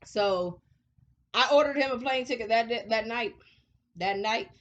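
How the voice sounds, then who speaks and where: A woman in her thirties hosts a personal vlog, telling her story frankly, laughing often and talking about faith. Her voice is fairly high and unhurried, and the audio sounds lo-fi.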